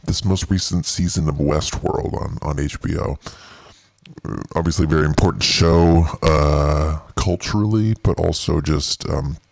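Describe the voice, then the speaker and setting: A man's voice: a bass voice, unhurried, no echo. A man hosting his own livestream show, talking in a rambling, wry way with many restarts. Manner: rambling, full of restarts and fillers. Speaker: show host. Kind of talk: casual livestream monologue.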